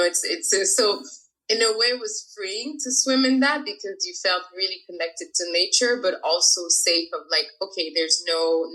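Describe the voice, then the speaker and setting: Bright-voiced woman in her thirties, from France. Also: lowish voice, low-quality recording. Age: 30s. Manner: chatty, laughs often, many fillers. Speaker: guest, freediver. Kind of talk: casual interview talk.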